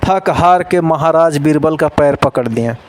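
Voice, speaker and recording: A man's voice: fairly high pitch, measured pace. A man telling a folk tale in Hindi, switching between the voices of a king and his courtier. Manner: lively storytelling, voicing king and courtier in turn. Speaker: storyteller.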